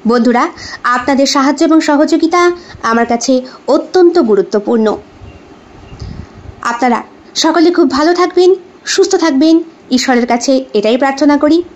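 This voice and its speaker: A woman narrating an audio story in a measured way and closing with a sign-off to her listeners. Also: sits high, darkish tone, dull audio. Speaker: storyteller and channel host.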